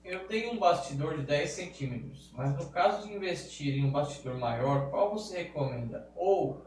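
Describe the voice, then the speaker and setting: A man's voice: on the high side, animated, normal speed, a little mellow. A young man reading viewers' questions aloud to his mother during a live class, in a casual relaying manner. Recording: very echoey, far from the mic, faint hum.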